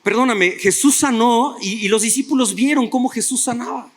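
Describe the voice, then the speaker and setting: A man's voice: extremely high pitch, moderate pace. A male pastor preaching a sermon, retelling stories and putting rhetorical questions to his listeners.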